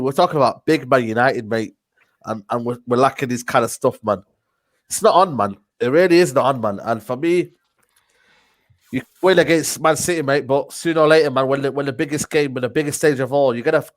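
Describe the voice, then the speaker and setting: Man in a casual football rant. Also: medium pitch. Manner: repeats tag phrases like a refrain. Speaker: football show panelist.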